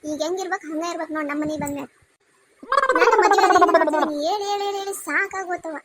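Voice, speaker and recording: A woman's voice: very high-pitched, racing, very noisy. A woman voicing a bossy, strict village mother-in-law with a North Karnataka Kannada accent, scolding and commanding.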